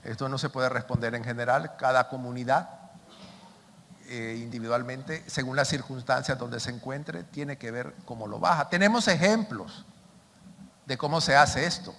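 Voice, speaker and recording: In a large conference hall, an older man invited to speak answers audience questions, explaining things emphatically. His medium-pitched voice is gravelly with a fairly bright tone at a moderate pace, and the recording is echoey with background noise.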